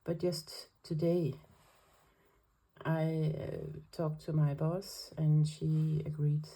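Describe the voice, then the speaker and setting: A planner vlogger from Denmark sets up her weekly planner, chatting casually in careful, hesitant English, her second language, with a Danish accent and many fillers. She draws out her words in a low, dark, husky voice with little pitch movement. The recording is rough.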